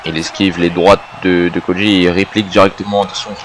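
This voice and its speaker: A man's voice: deep voice, flat delivery, a little fast. A man working as a wrestling co-commentator, naming the moves in short interjections. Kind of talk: wrestling commentary of a video game match.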